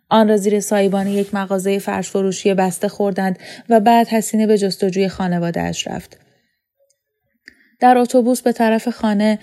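A woman from Iran narrating a novel aloud in a calm, measured storytelling voice. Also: mid-range voice. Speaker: audiobook reader.

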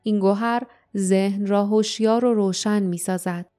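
Woman, audiobook narration, calm measured reading, mellow warm tone, mid pitch. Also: soft background music. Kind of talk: scripted narration.

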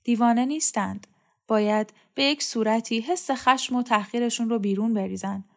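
A woman playing a calm bookish young man, measured, mildly ironic, storybook. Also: a little high, gravelly.

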